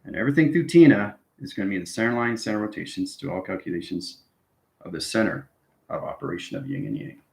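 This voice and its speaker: A spiritual channel host gives viewers an improvised esoteric lecture, repeating his instructions and checking in often with short tags like okay and right. His voice is fairly low and animated, fast, with vocal fry. The sound is roomy and echoing.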